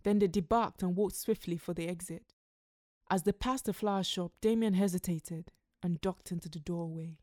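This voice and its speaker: A woman reading a literary short story aloud in a measured, expressive narrating voice. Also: fairly low pitch, dry recording, clean studio sound. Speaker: story reader.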